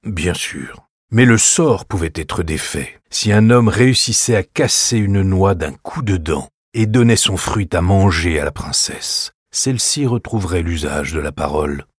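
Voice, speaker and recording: A kindly uncle from a storybook, as a man voices him. He speaks low and a little husky, close and dry. He tells his tale in a hushed, confiding way. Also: lively intonation, unhurried, no room sound, heavily acted. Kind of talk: storybook reading.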